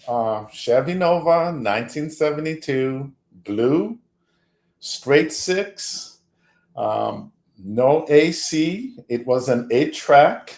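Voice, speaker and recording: A man from Haiti, a guest on a podcast interview, talking in a slow, reflective way and chuckling often. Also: fairly high pitch, animated, a little mellow, reverberant.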